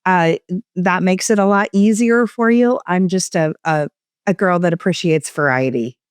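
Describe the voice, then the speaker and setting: A woman talks through her work as an interview guest, her pitch and pace rising and falling to keep the listener engaged. Her voice is smooth and clear. The sound is dry and close, with no room echo. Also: moderate pace. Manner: varied, expressive inflection. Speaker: guest expert. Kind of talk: conversational interview. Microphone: studio microphone.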